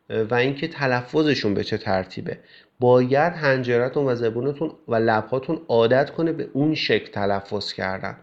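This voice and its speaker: A man's voice: medium pitch, a little mellow. Male teacher, step-by-step explanation, filler sounds, slightly dull lo-fi recording. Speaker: English teacher. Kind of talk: classroom explanation.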